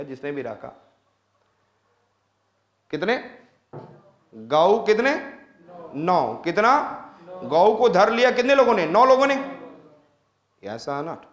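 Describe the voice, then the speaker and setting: A man's voice: a little high, fairly bright tone, reverberant. A man with an Indian accent giving a classroom lecture, switching between English and Hindi and constantly quizzing his students with repeated questions. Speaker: teacher.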